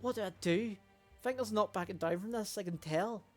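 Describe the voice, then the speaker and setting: A woman's voice: mid-range voice, brisk, natural voice. A woman voicing a brash, conflicted young male mercenary in a game, her exclamations jumping up sharply, over faint music. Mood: troubled.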